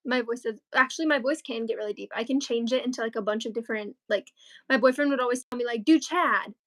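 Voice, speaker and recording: With a quick pace and a voice on the high side that's a bit bright, a teenage girl rambles casually while co-hosting a crochet livestream. Likes, ums and other fillers crowd her chatty speech.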